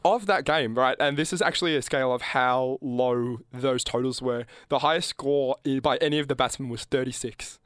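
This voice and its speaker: A man's voice: mid-range voice, moderate pace, few pauses, clean tone, dry recording, clean studio sound. A man co-hosting a casual sports chat, talking loosely and laughing often. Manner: chatty, laughs often, animated when joking. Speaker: podcast co-host.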